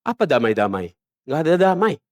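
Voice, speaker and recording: A man preaching a sermon as pastor, emphatic and swinging between loud stresses and low murmurs. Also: sing-song, a little fast. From Indonesia. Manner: mocks other preachers in a soft mimicking voice. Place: church.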